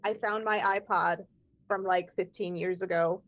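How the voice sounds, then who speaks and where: A woman's voice: fairly low pitch, fairly even intonation, moderate pace, highs cut off. A woman hosting a podcast, chatting casually, rambling with frequent laughs and restarts. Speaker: podcast host. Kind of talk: casual chat.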